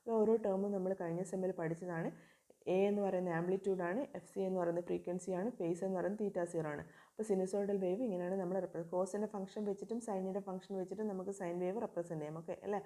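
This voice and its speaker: A woman lecturing on communication systems, who reads English definitions slowly and then explains them in Malayalam. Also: lowish voice, steady tone, warm tone. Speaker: engineering lecturer.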